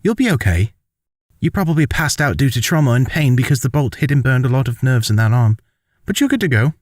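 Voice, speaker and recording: A man doing a chirpy young medic from a sci-fi fan audiobook, pitched well above his own voice and gently lifting at the ends of lines. The tone is brisk and reassuring. The voice sounds a little distant from the mic. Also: big pitch swings, dry recording, studio quality, lightly acted.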